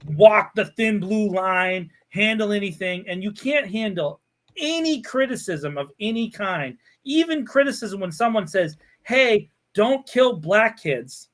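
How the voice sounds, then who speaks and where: Podcast host guy, high voice, sarcastic and fired up, laughs a lot. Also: measured pace. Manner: animated, sarcastic ranting with frequent laughter. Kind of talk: casual podcast chat.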